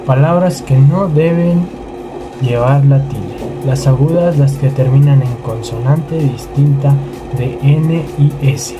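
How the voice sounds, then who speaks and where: A man's voice: medium pitch, takes it slowly, rough recording. A young man reading a student class presentation, listing examples one by one. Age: young adult. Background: clear music.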